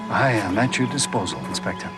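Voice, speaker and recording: A man's voice: on the low side, animated, brisk, over loud music, natural voice. A man from the United States playing a genial, expansive antiques and manuscripts dealer who chuckles as he talks. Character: genial American male manuscripts dealer, jazz lover.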